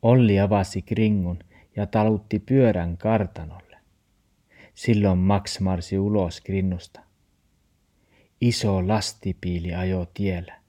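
Mellow-voiced Tornedalian storybook narrator. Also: male voice, deep voice, steady tone. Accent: Tornedalian Meänkieli. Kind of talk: storybook reading.

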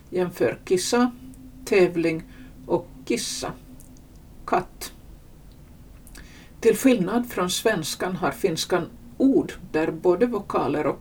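A woman reading a scripted language lesson, spelling out letters and words slowly and clearly. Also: on the low side, far from the mic, a little hiss or hum. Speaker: language teacher. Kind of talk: scripted instructional narration.

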